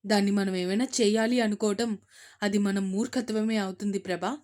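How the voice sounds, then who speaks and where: A worried father who talks down his angry wife with steady firmness, as a woman narrator puts him on. The delivery is measured and serious, in a spoken storybook. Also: medium pitch, close to an everyday voice. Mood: grave. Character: worried middle-aged father, firm.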